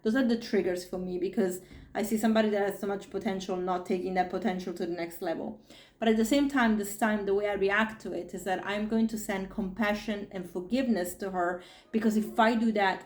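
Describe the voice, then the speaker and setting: A woman's voice: medium pitch, reverberant. A woman in her forties, a podcast host and spiritual coach, talking casually and emotionally, often acting out her own inner thoughts. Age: 40s. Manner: animated, emotional, restarts and acted-out inner thoughts.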